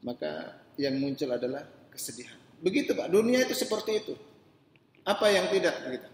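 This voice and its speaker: A man preaching a mosque sermon, chatting with the congregation and asking them questions, swinging from quiet asides to loud emphatic rises. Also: sits high, very animated, fairly quick, a little hiss or hum. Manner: conversational, asks the men in the congregation questions directly. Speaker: ustadz preacher. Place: mosque hall. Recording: echoey mosque hall, voice distant.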